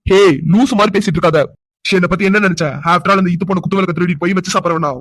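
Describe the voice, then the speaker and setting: A man voicing a brash, quick-talking young guy. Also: sits high, steady tone, fairly bright tone, no room sound, poor audio. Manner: brash and teasing.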